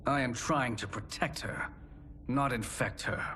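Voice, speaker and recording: Shang Tsung, a condescending sorcerer. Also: male voice, mid-range voice, unhurried, slight background noise. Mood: disdainful. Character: scheming male sorcerer alchemist, cold and calculating. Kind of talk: video game cutscene acting. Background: loud orchestral game score.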